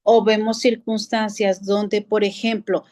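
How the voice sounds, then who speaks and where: A middle-aged woman with a Mexican accent teaching a church family class in a conversational lecture, explaining patiently and often pausing on filler words. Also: medium pitch, level tone, darkish tone. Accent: Mexican Spanish.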